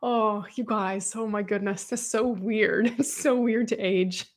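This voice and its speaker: A woman's voice: mid-range voice, measured pace. Chatty woman podcast host. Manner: chatty and animated, laughs often. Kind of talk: casual chat, reading viewer comments aloud.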